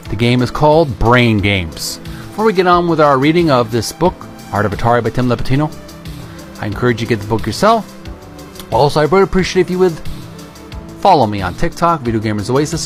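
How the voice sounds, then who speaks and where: His voice on the higher side, a channel host reads a book aloud. Between passages he adds informal commentary describing things in stop-start, fragmented phrases.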